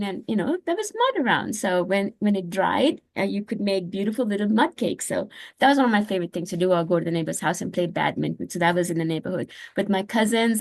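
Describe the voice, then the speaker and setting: An older woman from Sri Lanka, sharing childhood and adult memories in a casual workshop over a video call, reflective and halting with fillers. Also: medium pitch, vocal fry, darkish tone, dry recording. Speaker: conference participant.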